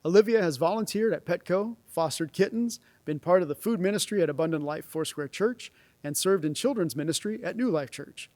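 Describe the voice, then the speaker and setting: A man's voice: high voice, brisk, darkish tone, no echo. A man formally reading out scripted honors as presenter at a school knighting ceremony, speaking into a podium microphone. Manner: formal read-out delivery, announcing names ceremonially. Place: stage of a large auditorium.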